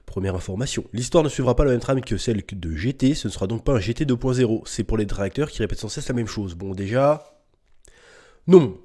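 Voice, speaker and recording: A man's voice: medium pitch, quick pace. A man hosting a casual news reaction video, talking informally and ranting with indignant outbursts. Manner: animated, ranting, rising to indignant peaks; informal slang and swearing. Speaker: host.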